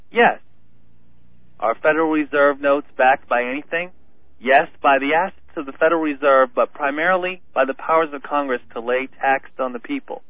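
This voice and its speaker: Caller over a tinny phone line. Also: male voice, a little high, no room sound. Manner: halting, reads a transcript aloud. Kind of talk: call-in radio talk.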